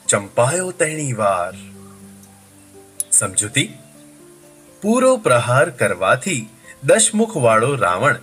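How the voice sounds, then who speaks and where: A male teacher reads out a poem line by line, chanting the verse and then explaining it calmly. His voice is husky and slow, with lively swings in pitch, and soft music plays underneath.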